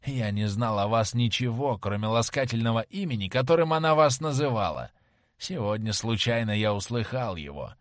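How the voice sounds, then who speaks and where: A man reading a vengeful young sailor in an audiobook, speaking slowly and heavily. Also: mid-range voice, no room sound, clean studio sound, close to an everyday voice. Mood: menacing. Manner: slow, heavy and menacing. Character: vengeful rough young sailor, grim and threatening.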